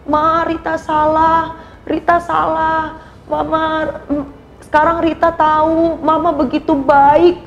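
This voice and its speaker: A woman voicing a young girl who whines and later pleads, in a high child's voice. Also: expressive, moderate pace, highs cut off, a little hiss or hum. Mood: pleading. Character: sulky young girl, ashamed then remorseful.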